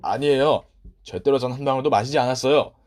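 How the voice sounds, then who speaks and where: A man's voice: medium pitch, quick pace, lightly acted. A man doing an eager young boy servant. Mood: protesting. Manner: loud, earnest, protesting.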